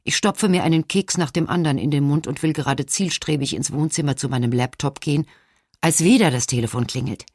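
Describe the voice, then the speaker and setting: Woman reading an audiobook, low voice, measured, dead dry studio sound. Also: darkish tone, no echo. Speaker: audiobook narrator. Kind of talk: scripted first-person narration.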